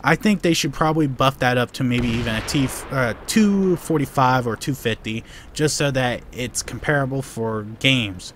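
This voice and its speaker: Fielding viewer questions during a live gameplay Q&A, a young gaming channel host who was born in Korea rambles, restarting often and saying "you know" a lot. He talks at a moderate pace with few pauses, in a medium-pitched, fairly bright voice over slight background noise.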